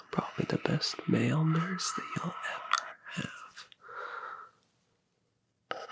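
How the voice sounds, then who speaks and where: A man playing an attentive, flirtatious male nurse in a whispered role-play, speaking in a soothing, breathy whisper. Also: a little high, fairly bright tone, pitched above the performer's own voice, full character voice. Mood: soothing, teasing. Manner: soothing, complimentary personal attention.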